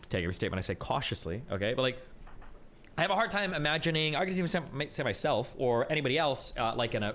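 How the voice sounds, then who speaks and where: A man's voice: medium pitch, a bit bright, slight background noise. A man giving casual, rambling commentary as a streamer, slangy and often hesitant and correcting himself mid-thought. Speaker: streamer reacting to a video. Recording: music faintly behind. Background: faint music.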